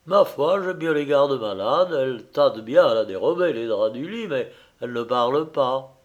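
A man narrating a literary audiobook in a measured, solemn reading. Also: medium pitch, expressive, dull audio.

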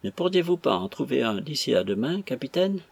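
A man's voice: mid-range voice, very animated, a little fast, gravelly, breathy edge, no echo, heavily acted. A man voicing a touchy young male servant who protests in a tearful, whining manner. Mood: wheedling.

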